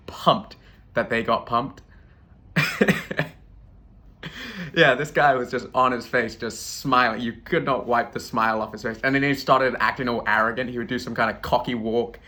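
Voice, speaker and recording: A British man hosting a comedy show and telling rambling stories with deadpan asides. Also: mid-range voice. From Britain. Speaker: comedian host. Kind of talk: stand-up storytelling.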